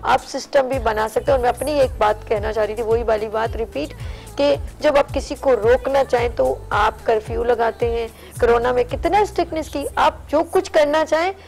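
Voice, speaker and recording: A woman's voice: fairly high pitch, normal speed, creaky, darkish tone, soft background music. A woman hosting a morning talk show, speaking earnestly and at length in a casual studio discussion. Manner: earnest, lecturing, talks at length.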